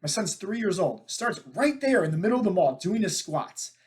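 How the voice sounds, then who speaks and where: A man with a fairly high voice hosts a fitness podcast as a coach, telling stories straight to his listeners in a casual monologue. He's loose and energetic at a moderate pace, constantly checking in with "right?" and "like."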